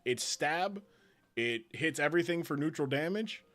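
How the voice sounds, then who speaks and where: A man hosting a live stream, commentating matches in a rambling, excitable way and laughing often. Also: fairly high pitch, moderate pace. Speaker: league commissioner and host.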